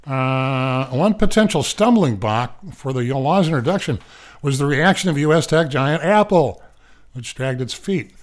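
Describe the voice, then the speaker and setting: A man's voice: medium pitch, lively intonation, a little slow. Male radio host, casual news rundown from a studio, loose and jokey, lots of fillers. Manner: rambling, wisecracking asides.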